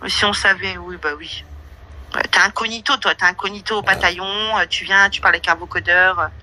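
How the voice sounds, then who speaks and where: A woman's voice: fairly low pitch, steady tone, a little fast, sharp tone, slight background noise, low-quality recording. A woman hosting an online audio room, giving a brash, slangy, confrontational monologue. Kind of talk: casual monologue with listener questions.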